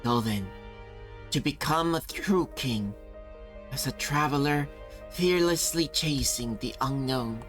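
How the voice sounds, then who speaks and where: A woman's voice: a bass voice, slow. A woman voicing an ancient regal spirit in a video game, speaking in a dreamy, distant voice that echoes in the mind, with solemn, archaic, ceremonial phrasing. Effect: dreamy distant voice echoing in the mind. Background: game music.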